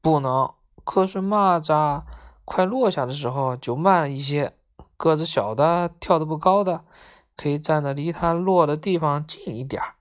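A woman's voice: low voice, moderate pace, lightly acted. A woman voicing a bossy young male dog who confidently explains the rules of a game.

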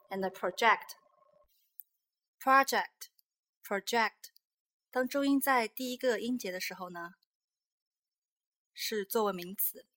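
A woman hosting a pronunciation lesson in Chinese and English. She repeats English words slowly to demonstrate them and corrects herself as she goes. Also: medium pitch, pushed and bright. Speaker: host and pronunciation teacher.

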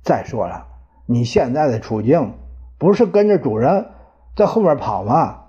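A man's voice: medium pitch, very animated, normal speed, mellow, voice pushed up, close to an everyday voice. A man voicing a hot-tempered warrior who taunts and mocks his rivals in a told story. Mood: taunting. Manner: taunting, brash. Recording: dull lo-fi recording.

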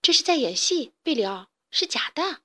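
A woman voicing a sensible little hen girl who calmly explains things. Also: high-pitched, moderate pace, voice pushed up, exaggerated voice. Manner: calm, explaining.

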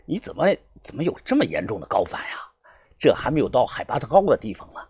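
A storyteller voicing a middle-aged innkeeper who talks in a hushed, fretful way. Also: mid-range voice, sing-song, fast, slightly rough, no echo, studio quality, voice pushed down. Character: older male innkeeper, fussing.

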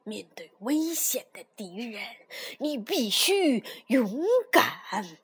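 A woman voicing a wise, crafty old male grandpa toad who speaks slowly and low. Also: sing-song, fairly bright tone, husky, exaggerated voice. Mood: calm.

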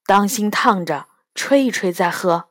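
A woman reading a storybook aloud, voicing a caring mother who scolds gently. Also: medium pitch, animated, measured pace, no room sound. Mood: gentle.

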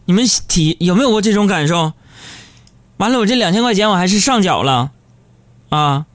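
A man's voice: high voice, animated, fairly quick, no room sound. A man hosting a live comedic radio show, chatting and teasing his listeners.

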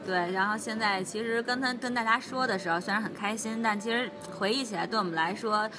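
语速很快、戴牙套有点大舌头的女声. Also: female voice, mid-range voice, quick pace. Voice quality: slightly slurred, thick-tongued speech from wearing dental braces. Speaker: podcast co-host. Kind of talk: casual chatty travel talk.

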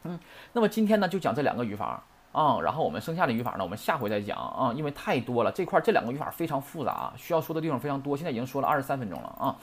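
Man, Japanese teacher, lively pitch, keeps asking questions. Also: racing. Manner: lively, colloquial, asks students rhetorical questions. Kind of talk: recorded grammar lesson.

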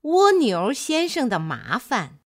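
A woman narrating a children's fairy tale in a gentle, expressive storyteller's manner. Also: high voice, takes it slowly.

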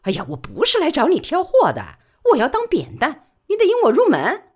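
A spirited, stubborn working woman talks fast and bright in a Wuhan dialect, as a woman storyteller voices her. Her pitch rises and falls with strong emphasis. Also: wildly swooping pitch.

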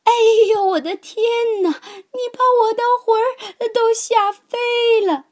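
A woman voicing a tiny, frail-looking old woman in a children's story, shrieking in terror and then scolding slowly. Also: fairly low pitch, a bit bright, no echo, clean studio sound. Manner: shrieking in mock terror, slow stern scolding.

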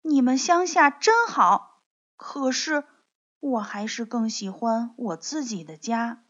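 A woman's voice: fairly high pitch, animated, slow, full character voice. A woman doing a polite little city mouse. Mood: pleased. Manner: polite, gently pleased. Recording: dull lo-fi recording.

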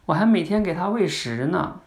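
A man's voice: sits high, expressive, moderate pace, voice pushed up. A man doing a pleading little girl. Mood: wistful. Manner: insistent, pleading. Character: sad four-year-old girl whose turtle died.

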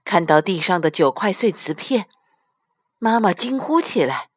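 Slow, gentle woman storyteller. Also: lowish voice, very animated, husky, no room sound. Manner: gentle, deliberate. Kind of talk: children's storybook reading.

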